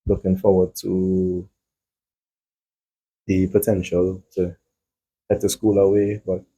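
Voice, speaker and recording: Joking young host with a husky voice. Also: male voice, low-pitched, level tone, slow pace, dark tone. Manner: joking, playful interviewer. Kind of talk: casual interview chat.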